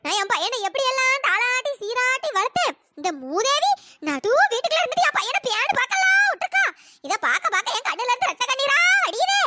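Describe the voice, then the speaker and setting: A woman's voice: very high voice, big pitch swings, brisk, heavy background noise. A woman voicing a furious, cursing old mother-in-law in a cartoon. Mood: furious scolding. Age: older. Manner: shrieking, cursing, scolding. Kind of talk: cartoon voice acting.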